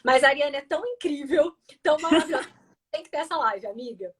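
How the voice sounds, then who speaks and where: With a high voice, lively intonation and a brisk pace, a Brazilian host, journalist and communication coach runs a live stream. Speaking with a Brazilian Portuguese accent, she explains concepts about feelings and reads comments from viewers in a supportive, instructive way.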